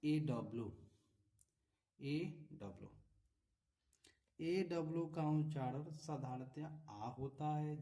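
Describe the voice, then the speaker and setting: A male teacher explains English vowel rules step by step. He repeats each example word and keeps asking whether the listener follows. His voice is dark and mellow and sounds a little distant from the microphone. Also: medium pitch. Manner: patient, repeats examples, frequent tag questions. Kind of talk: classroom-style explanation. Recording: voice from a distance off the mic.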